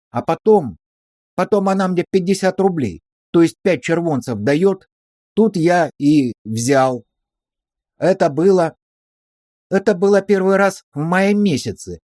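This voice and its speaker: A man playing a nervous sailor who gives halting, colloquial testimony. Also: a little high, a little mellow, dry recording, clean studio sound. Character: nervous young sailor confessing to police.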